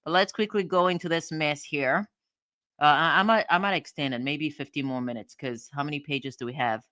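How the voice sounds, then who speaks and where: A woman's voice: deep voice, brisk, sharp tone, dry recording, clean studio sound. A woman hosting a livestream, giving casual commentary on court documents as she thinks aloud and repeats her phrases. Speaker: livestream host.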